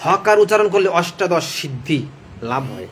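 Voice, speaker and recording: A man who sings devotional hymns slowly and breaks off to explain them casually to listeners. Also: on the high side, very animated, fairly bright tone, slight background noise. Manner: chants slowly, then explains casually to viewers. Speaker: devotional singer and reader. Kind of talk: sung hymn recitation with spoken commentary.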